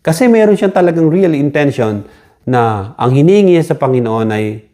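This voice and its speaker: A man's voice: a little high, expressive, moderate pace, dark tone. A man with a Filipino accent preaching a sermon, switching between Filipino and English, repeating key words and rising for quoted cries.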